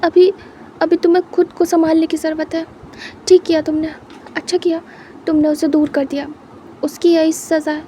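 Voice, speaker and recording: Storybook role: tearful, stammering young man, read by a woman; high, mellow. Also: little pitch movement, moderate pace, long pauses, slight background noise. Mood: soothing. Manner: pleading, choked, stammering.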